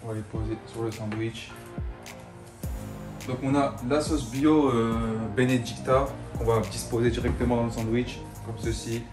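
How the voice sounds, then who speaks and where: In an echoey kitchen, a young man talks casually through some cooking. His slangy voice is mid-pitched and a little way from the mic, with music behind it. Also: steady tone, normal speed, distant mic. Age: 20s. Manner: slangy, informal banlieue talk. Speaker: vlog host. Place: home kitchen. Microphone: camera a few steps away.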